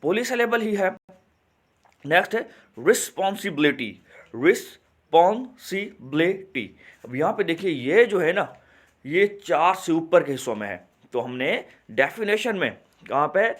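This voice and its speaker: A man teaching an online English grammar lesson, repeating words slowly and asking rhetorical questions. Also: on the high side, sing-song, fairly bright tone. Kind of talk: classroom lesson explaining grammar.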